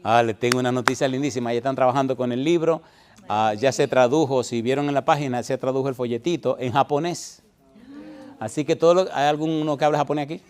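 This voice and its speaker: A middle-aged man preaches a sermon with an emphatic voice at an average pitch. He keeps pressing his listeners with direct questions, urging them to answer. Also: fast talker, darkish tone. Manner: emphatic, asks congregation questions. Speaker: pastor.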